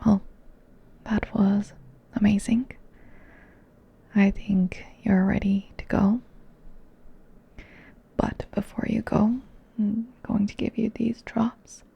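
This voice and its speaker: Woman as a calm ASMR doctor, slow breathy whisper, flat and even, dull lo-fi sound. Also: mid-range voice, full character voice. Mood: soothing. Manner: soft unvoiced whisper. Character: gentle woman doctor examining a patient. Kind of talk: ASMR roleplay.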